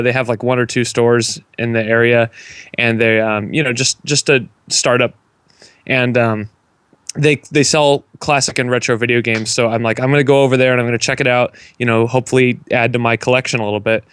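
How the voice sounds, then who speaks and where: A man's voice: mid-range voice, fairly bright tone, clean tone, no echo. A young man hosting a casual gaming podcast, rambling and joking with plenty of fillers. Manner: rambling, self-deprecating, lots of fillers. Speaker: podcast host.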